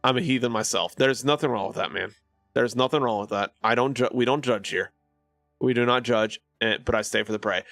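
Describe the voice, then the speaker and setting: A man's voice: medium pitch, fairly quick, vocal fry, fairly bright tone, no room sound, soft background music. A man live streaming and chatting casually with his viewers, rambling with lots of fillers and restarts.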